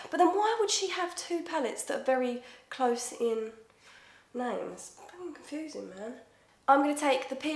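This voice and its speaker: A woman in her twenties with an Essex accent, chatting casually and swearing freely through a makeup tutorial. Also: on the high side. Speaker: makeup vlogger. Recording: echoey room.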